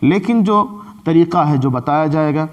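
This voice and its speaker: A man with an Indian Urdu accent teaching a Quran recitation lesson in a mosque, explaining patiently and slowing down to chant his examples. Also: fairly high pitch, animated, dull audio.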